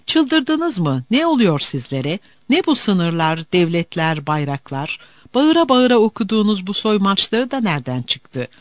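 A man voicing a small boy who shouts and pleads for peace in a storybook tale. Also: sits high, very animated, measured pace, no room sound, clean studio sound. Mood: pleading.

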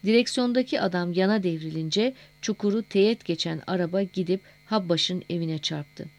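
A woman narrating a novel as an audiobook in a measured, steady reading voice. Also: fairly low pitch.

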